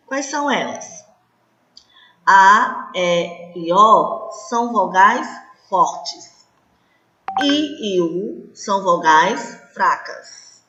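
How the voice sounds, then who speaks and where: Brazilian woman teaching a class real slow, always asking if u got it, dull echoey audio. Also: medium pitch, animated, sharp tone. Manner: checks in often with short tag questions. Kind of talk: slow, patient classroom explanation. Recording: echoey room, dull lo-fi sound.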